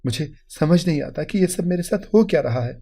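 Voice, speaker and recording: A man's voice: on the high side, animated, gravelly, mellow, voice pushed up. A man voicing a distraught young husband in a storybook tale; he cries, stammers and repeats his words. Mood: confessing. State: crying. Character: anguished young husband with a shameful secret.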